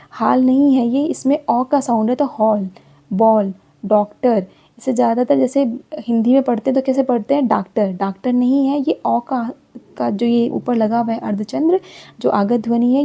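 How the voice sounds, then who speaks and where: A middle-aged woman teacher explaining a grammar lesson, repeating example words slowly one by one. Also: fairly high pitch, creaky, dark tone.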